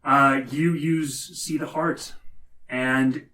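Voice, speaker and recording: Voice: mid-range voice, steady tone, extremely slow, bright, forceful tone. A game master narrating a tabletop role-playing game and giving players instructions. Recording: roomy, distant mic, faint noise.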